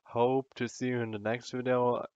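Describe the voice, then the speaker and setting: A man's voice: mid-range voice, little pitch movement, moderate pace, darkish tone, clear, resonant tone, dry recording, dull audio. A drunk man in a casual, sweary, meandering and self-deprecating ramble to the camera, as a vlogger does.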